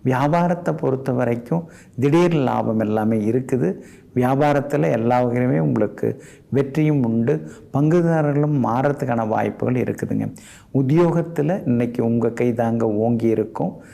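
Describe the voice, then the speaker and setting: Gravelly, mellow-voiced astrologer man. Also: mid-range voice, normal speed. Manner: polite and advising, ends sentences with respectful "ங்க". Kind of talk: daily horoscope talk.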